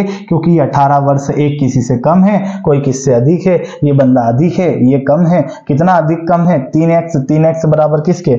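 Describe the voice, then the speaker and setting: A man's voice: fairly high pitch, warm tone, reverberant, lo-fi sound. A man in his forties teaching an exam-prep math lesson, asking the class questions and answering them himself. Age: 40s.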